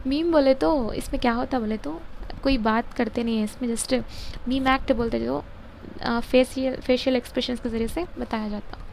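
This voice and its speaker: High-voiced woman teaching a grammar lesson. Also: fairly even intonation, normal speed, creaky, a little mellow, slight background noise. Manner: repeats key words and stops to check answers. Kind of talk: explaining grammar and literature to students.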